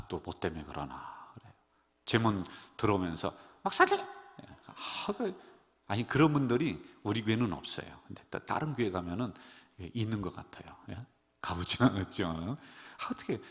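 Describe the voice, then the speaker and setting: A middle-aged man preaching as a pastor, animated, leading his congregation in call-and-response. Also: mid-range voice. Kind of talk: sermon. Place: church sanctuary. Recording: long church-hall reverb.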